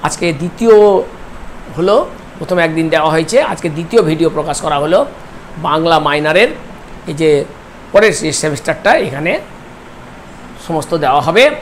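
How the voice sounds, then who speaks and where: A man teaching a recorded lecture, slow and deliberate, spelling out syllables one by one. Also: on the high side, expressive, a little hiss or hum.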